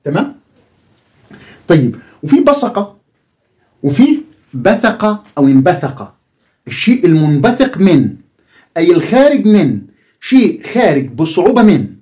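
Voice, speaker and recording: An Egyptian man teaches a lesson with a fairly high voice that rises and falls a great deal. He keeps putting questions to the viewer and then answers them himself. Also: sing-song, a little slow, long pauses, warm tone. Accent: Egyptian Arabic. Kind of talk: explanatory video lesson.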